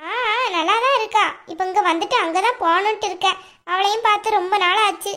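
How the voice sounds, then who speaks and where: A woman's voice: extremely high pitch, fast, bright, forceful tone. A woman doing a bossy chatty cartoon aunt. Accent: southern Tamil Nadu. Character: caring middle-aged aunt, bossy and chatty. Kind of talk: cartoon voice acting.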